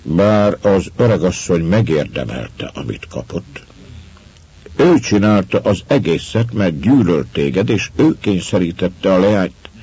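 A man reading aloud as a calm, knowing woman of the wilds who teases and turns grave. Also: low-pitched, breathy edge, muffled recording. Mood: accusing. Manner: teasing, then grave.

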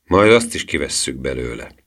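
A man reading an audiobook, voicing a gruff, grumbling police sergeant in a slow, rumbling manner. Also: animated, bright, forceful tone, heavily acted.

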